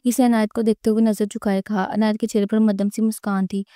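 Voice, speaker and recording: Brief: woman narrator for a romance novel, dark mellow tone, flat even delivery. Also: mid-range voice, dry recording, clean studio sound. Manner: steady, even reading.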